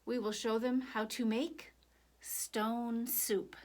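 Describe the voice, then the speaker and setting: Woman reading as a measured, wise old monk. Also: a little high, flat delivery, darkish tone, a little hiss or hum. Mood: calm, confident. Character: wise old male monk, calm and purposeful.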